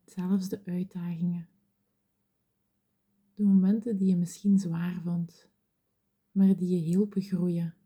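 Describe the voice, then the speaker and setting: Female meditation guide, whispered delivery, very slow and dark-toned. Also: fairly low pitch, flat delivery, husky. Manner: slow, soothing, gentle.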